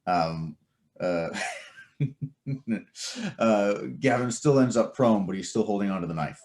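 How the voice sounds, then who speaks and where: A man narrating as game master of a tabletop game, animated and full of fillers and laughs. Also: lowish voice, measured pace, slight background noise.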